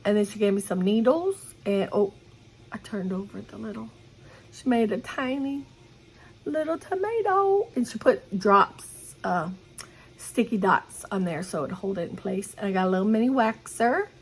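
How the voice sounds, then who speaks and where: A middle-aged woman on her home vlog, chatting on and on with easy enthusiasm. Her voice is husky with a breathy edge and sits at an ordinary pitch. She rambles from one show-and-tell item to the next. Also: expressive, moderate pace. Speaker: cross-stitch vlogger. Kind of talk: casual show-and-tell chat.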